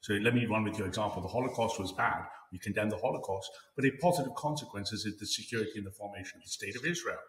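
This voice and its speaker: A man's voice: on the low side, very fast, few pauses. A man in an online debate, pressing a step-by-step argument, his voice ringing in a big echoey hall. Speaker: debate participant. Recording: echoey, hall-like room sound with faint noise.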